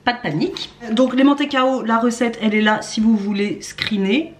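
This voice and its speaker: Speaking at a moderate pace in a slightly high voice, a woman in her thirties explains every step of a recipe as she cooks at home. It's a casual cooking vlog filmed indoors in her kitchen, where the sound echoes and music plays in the background.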